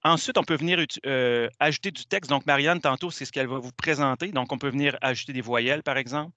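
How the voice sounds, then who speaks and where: Bright-voiced man giving a software tutorial. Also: mid-range voice, fast talker, no room sound, highs cut off. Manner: methodical, step-by-step, many "donc" fillers. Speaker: teacher presenting a software tutorial. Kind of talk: screen-share tutorial walkthrough.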